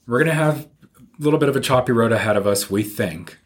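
A man's voice: medium pitch, fast. A man giving plain-spoken, conversational explanations as a financial advisor being interviewed.

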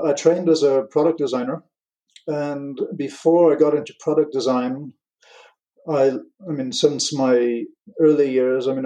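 An American-born man with an English accent blended with continental European tones, speaking as a guest in an interview in a thoughtful, unhurried way with frequent fillers. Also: mid-range voice, dark tone, rough recording. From USA. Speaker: guest watch designer. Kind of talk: relaxed interview chat.

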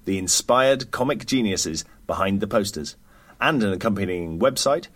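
Male interviewer-presenter, deepish and husky. Articulate scripted read with dry wit. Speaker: podcast host and interviewer. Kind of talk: scripted narration.

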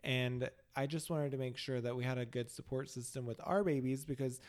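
A man's voice: mid-range voice, fairly even intonation, a little fast, a little mellow. A man hosting a podcast in casual chat, camp and playful in manner. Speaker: podcast host.

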